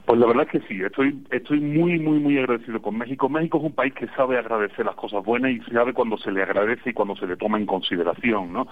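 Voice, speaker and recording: A man's voice: mid-range voice, quick pace, few pauses. Andalusian man on a tinny phone line. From Spain. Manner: chatty, digressive storyteller with wry humor. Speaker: radio guest calling in from abroad. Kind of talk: casual radio chat.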